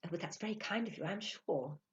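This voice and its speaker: A woman's voice: on the low side, a little fast, highs cut off, lightly acted. A woman reading aloud voices a playful, passionate young woman who gushes and sometimes drops to an awed whisper. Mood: shy.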